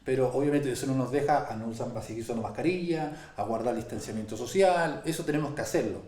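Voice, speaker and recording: A man talks through a Bible study in an earnest way, slowing down and leaning on the verses he quotes. His voice is dark and mellow, and it rings around a roomy space. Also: medium pitch. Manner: earnest, slows and stresses key phrases when quoting scripture. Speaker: pastor. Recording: echoey room.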